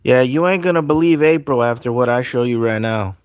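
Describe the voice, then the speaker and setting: A man hosting a casual livestream, talking in an excitable, rambling way with many fillers. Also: mid-range voice, a little fast. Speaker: livestream host. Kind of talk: casual livestream chat about prophecy.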